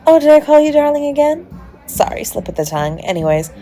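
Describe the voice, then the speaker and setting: Over background music, a woman speaks fast in a high-pitched, dark-toned voice with big swings in pitch. She plays a smooth-talking, charming stranger flirting at a party, coy and teasing, in an intimate romantic audio roleplay addressed one-sidedly to the listener.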